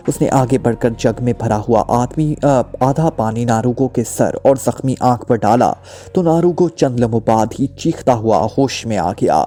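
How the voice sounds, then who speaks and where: A man reading a spy novel aloud as an audiobook narrator, in a steady, even manner. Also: mid-range voice. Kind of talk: scripted narration. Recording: soft music underneath.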